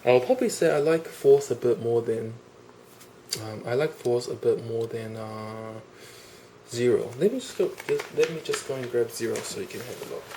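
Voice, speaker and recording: A man who has a cold gushes enthusiastically over a toy, casually repeating words like "awesome" and "really." His mid-range voice moves at a normal speed, captured indoors on a camera mic against a noisy background.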